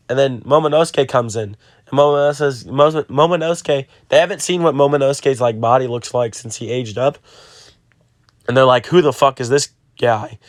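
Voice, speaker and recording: A man's voice: mid-range voice, no room sound, clean studio sound. A man casually recapping a manga chapter in a loose, slangy way, swearing and saying "like" and "bro" a lot. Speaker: manga reviewer.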